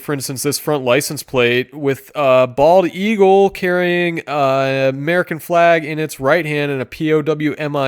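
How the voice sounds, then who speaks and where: A man giving sarcastic commentary, deadpan with mock-enthusiastic outbursts. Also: on the high side, smooth. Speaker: streamer reviewing car listings.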